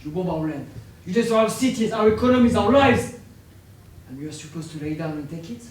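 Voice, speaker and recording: An actor playing a bitter, defiant captured fighter who fires accusing rhetorical questions, recorded in an echoey room from a distance. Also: male voice, a little high, steady tone, quick pace, mellow, lightly acted. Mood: furious. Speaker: stage actor. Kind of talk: stage play acting. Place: theatre stage.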